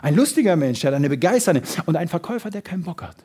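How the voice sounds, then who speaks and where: A man giving a motivational sales seminar, lively and full of emphasis, acting out little everyday scenes. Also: fairly high pitch, rapid-fire, slightly rough. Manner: lively, shifts loud and soft for emphasis, acts out little scenes. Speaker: sales trainer.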